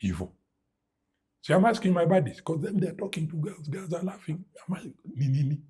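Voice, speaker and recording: A man's voice: fairly high pitch, brisk. A middle-aged man with a Kenyan English accent, a guest in an interview, telling a story with sound effects and Swahili words mixed in. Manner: animated storyteller who mimics sounds and drops Swahili words.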